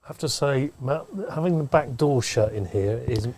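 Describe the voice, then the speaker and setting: A man giving relaxed, chatty live commentary on a club cricket match from a pavilion room. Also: medium pitch, moderate pace.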